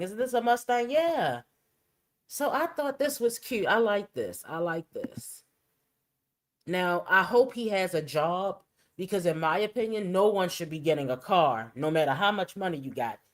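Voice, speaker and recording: Low-voiced opinionated woman commentator. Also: poor audio. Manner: chatty, opinionated, drops to a mutter while setting up clips. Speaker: commentary channel host. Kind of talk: casual reaction commentary.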